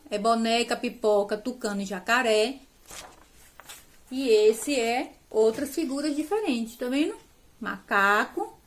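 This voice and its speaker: A patient woman teacher from Brazil with a slightly high voice walks parents and young children through a homework task. She explains step by step, keeps checking that everyone follows, and talks with affectionate diminutives. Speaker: primary school teacher. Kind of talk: remote lesson instructions to parents and children.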